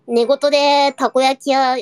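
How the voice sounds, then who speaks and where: A woman live streamer in casual chat, reading viewer comments and reacting with quick surprised asides, speaking standard Japanese with occasional Kansai dialect slipping in. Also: sits high, little pitch movement, faint music behind.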